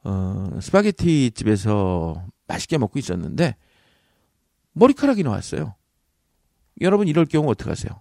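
A man's voice: medium pitch, wildly swooping pitch, moderate pace, vocal fry, long pauses, a little mellow, no room sound, clean studio sound. Playful man giving joking advice. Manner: playful, teasing, acts out little scenes. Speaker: podcast speech coach. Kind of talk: comedic advice monologue.

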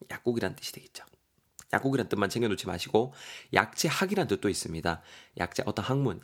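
A man's voice: fairly low pitch, creaky. A man teaching English vocabulary on a podcast, friendly, spelling words letter by letter.

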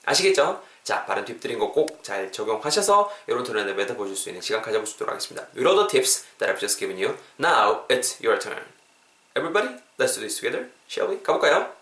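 A young man, hosting a podcast English lesson in a lively, chatty way and repeating phrases slowly for practice. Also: medium pitch. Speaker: English teacher and podcast host. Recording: roomy echo.

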